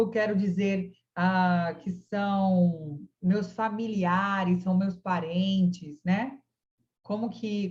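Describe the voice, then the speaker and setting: Slow, patient woman teaching English online. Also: on the low side, a little mellow, highs cut off. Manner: patient, models English phrases slowly for students. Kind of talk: online class.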